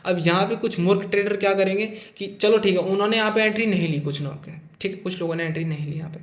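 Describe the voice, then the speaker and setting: A man's voice: high voice, fast, echoey room. A man teaching trading over a chart in a casual, chatty way, often checking in with "okay" and calling his listeners "brother", with a joking, teasing edge. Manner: jokey, teasing about losing traders. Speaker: trading instructor. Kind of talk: casual screen-share chart lesson.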